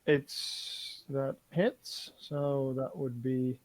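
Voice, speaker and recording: A man's voice: mid-range voice, steady tone, drawn-out words, a little mellow, dry recording. A man running a tabletop game online, narrating loosely with lots of fillers and swearing. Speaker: game master.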